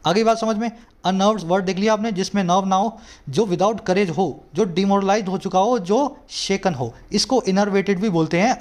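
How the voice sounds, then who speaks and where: A man with an Indian accent, teaching English by explaining a news article word by word, often checking that the class is following. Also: high-pitched. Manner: explains terms step by step, often checking "ठीक है"; reads English quotes slowly.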